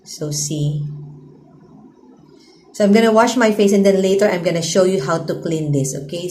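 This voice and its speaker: A woman in her thirties giving a casual product demo, halting often with fillers and restarts as she explains. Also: low voice, mellow, roomy sound, a little hiss or hum. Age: 30s. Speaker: vlogger. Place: bathroom.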